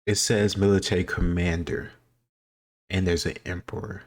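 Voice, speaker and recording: This American man talks at a normal speed in a low, level voice while reacting casually to a history quiz video. He wanders through opinionated remarks and often stops to correct what he just said.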